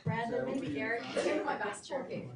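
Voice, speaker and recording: A woman's voice: a little high, fairly quick, heavy background noise. A woman bantering casually across a room, picked up at a distance. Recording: far off mic, echoey, loud room chatter.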